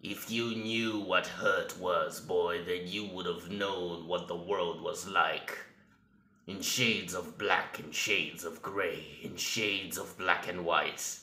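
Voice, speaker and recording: A menacing male Death, a grandiose villain who taunts mortals. The delivery is extremely slow, with a very forceful, sharp edge. It sounds theatrical, in a roomy, echoing space. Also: deep voice, fairly even intonation. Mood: menacing, gloating. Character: Death, menacing male soul-eating entity sneering at mortals.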